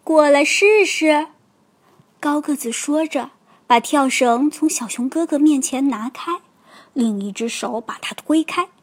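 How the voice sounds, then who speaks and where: A woman reading a children's storybook aloud, slow and expressive. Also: sits high. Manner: slow, expressive, clearly paced.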